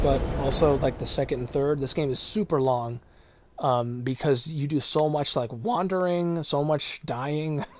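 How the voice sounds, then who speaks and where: A man streaming a video game, giving casual, rambling commentary full of fillers and quick chuckles. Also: mid-range voice, slight background noise. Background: game music.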